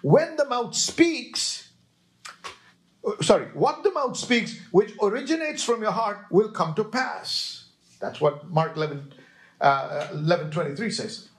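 Emphatic preaching man, fairly high voice. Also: animated. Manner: emphatic, slow, with call-and-response checks to the listeners. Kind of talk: sermon.

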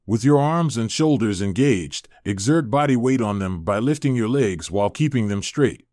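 A man reading a scripted narration about exercise in an even, informative way. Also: medium pitch, moderate pace, no room sound, clean studio sound.

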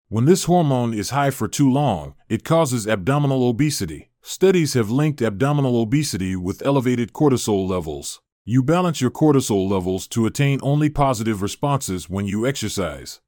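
A man reading a scripted narration about exercise in an even, informative way. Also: mid-range voice, no echo, studio quality.

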